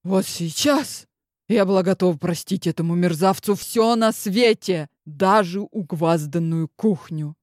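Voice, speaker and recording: A woman narrating a comic audiobook in a lively, theatrical reading style. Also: lowish voice, measured pace, dry recording, studio quality.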